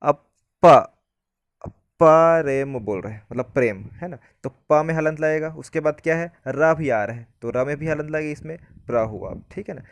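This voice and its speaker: A man teaching a Hindi grammar lesson, explaining step by step and often asking whether it is clear. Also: a little high, moderate pace, hardly any pauses, no echo.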